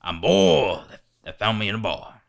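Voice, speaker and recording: A man voicing a gruff wild boar character with a rough, throat-straining voice. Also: fairly low pitch, very animated, unhurried, heavily acted. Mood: gruff, blunt.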